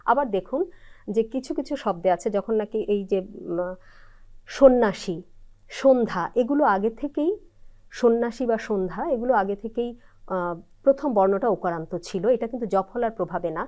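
A woman explaining pronunciation rules on a TV lesson, deliberately sounding out letters and words as examples. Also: medium pitch, mellow. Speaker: language expert, guest.

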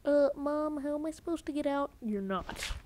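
A woman rambles through casual gameplay commentary in a bright, somewhat high voice, piling on "like" fillers and mocking herself with a grin. She jumps into sudden excited outbursts, with a faint hiss behind her voice. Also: a little fast. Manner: goofy, rambling, full of "like" fillers; jokey self-mockery, sudden excited outbursts. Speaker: gaming channel host.

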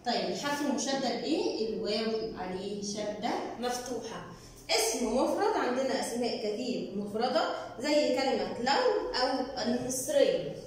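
A woman teacher with an Egyptian Arabic accent, slowly and patiently explaining a primary school lesson. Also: fairly high pitch, a little mellow. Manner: slow, patient explaining, drawing out words. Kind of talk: recorded classroom lesson. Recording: echoey room, distant mic, faint noise.

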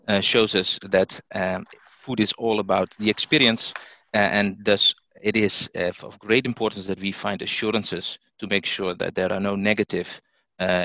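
A man's voice: low-pitched, creaky, sharp tone, dry recording. A man giving a fluent, formal take-home message in a webinar. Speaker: panelist.

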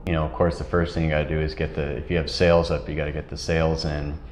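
A man's voice: rumbling low, level tone, quick pace, darkish tone, roomy sound, a little hiss or hum. A middle-aged man, a tall ship captain, telling sailing stories in a casual, rambling way with laughs, on a lapel mic. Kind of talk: casual storytelling interview. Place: wood-paneled ship cabin.

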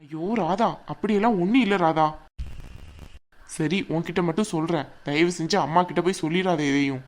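A woman voices a young husband in an animated cartoon, a man caught between his mother and his wife, and she plays him coaxing and placating. Her voice is fairly low-pitched at a moderate pace, lightly acted.

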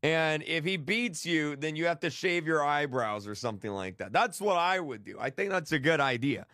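A man's voice: a little high, animated, moderate pace, bright, forceful tone, dry recording, clean studio sound. A man hosting a gaming stream, chatting casually and rambling to his viewers with lots of restarts. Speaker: gaming channel host.

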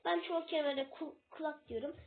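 High-voiced woman with a tinny phone sound. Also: fast. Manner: hesitant, often losing her place and self-correcting. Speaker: self-made English tutor. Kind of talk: casual explanatory video lesson.

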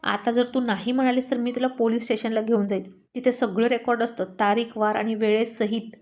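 A woman narrating a scripted drama story, reading all the characters' lines in her own voice and getting louder in the arguments. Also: on the high side, steady tone, brisk.

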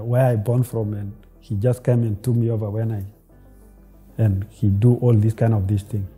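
A man, an elite runner, speaks in simple, halting phrases in a language that is not his first. His tone is very mellow and dark. Faint music sits underneath. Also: fairly low pitch, slightly rough. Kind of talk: documentary interview.

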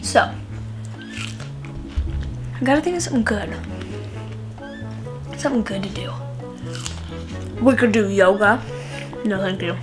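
A woman's voice: mid-range voice, a little slow, pauses often, over music. A young woman vlogging casually, chatting playfully to her viewers. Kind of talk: casual vlog chat.

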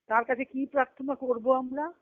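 Over a tinny, narrow phone conference call, a spiritual teacher delivers a devotional discourse and recites scripture, asking questions and answering them in a reflective, explanatory way. She has a high voice with fairly even intonation, a moderate pace, and no room sound.

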